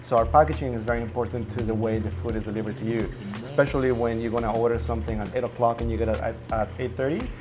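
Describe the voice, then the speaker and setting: A man's voice: medium pitch, fairly even intonation, fast, music in the background. A man from Mexico, a chef and restaurant owner, chatting casually and explaining each step as he cooks at a grill in a kitchen. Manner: explains steps while cooking at the grill. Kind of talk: casual cooking chat.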